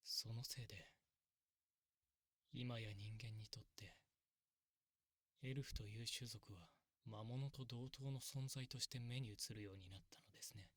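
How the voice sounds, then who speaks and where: A man playing a kindly, long-lived elf priest in an ASMR role-play, very polite, soft and measured. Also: mid-range voice, steady tone, no room sound, clean studio sound. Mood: reflective, sad.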